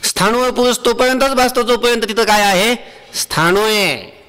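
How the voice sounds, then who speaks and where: High-voiced man preaching in a reverberant hall. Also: sharp tone. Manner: asks the audience questions and answers them himself; slows down to chant verses. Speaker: Varkari preacher. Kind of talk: devotional sermon.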